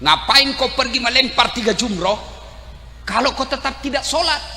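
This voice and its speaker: High-voiced, bright preacher shouting jokes. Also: male voice, moderate pace, creaky, a little hiss or hum. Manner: animated, joking, shouts to the audience. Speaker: Islamic preacher. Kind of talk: humorous sermon to a crowd. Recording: echoey hall, faint ambience.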